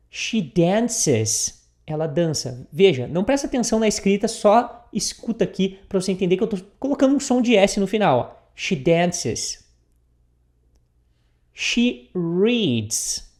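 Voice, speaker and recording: A woman with a Brazilian accent teaching a beginner English lesson, drilling example phrases slowly and checking in with the learner often. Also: fairly low pitch, warm tone. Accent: Brazilian Portuguese.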